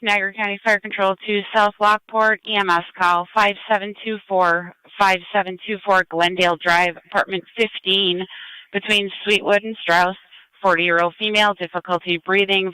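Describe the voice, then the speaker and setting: Give me a woman dispatching emergency calls over radio, formal, clear and forward-toned. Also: medium pitch, steady tone, normal speed, sharp tone, dry recording, low-quality recording. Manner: formal, procedural, repeats details. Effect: radio transmission. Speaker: fire control dispatcher.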